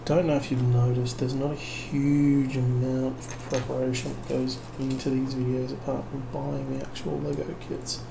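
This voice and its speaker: At night in his noisy home, a sleepless, tired vlogger builds a kit and talks with hardly any pauses in a gravelly, medium-pitched voice at normal speed with little pitch movement. His rambling is wry and self-mocking, often trailing into fillers.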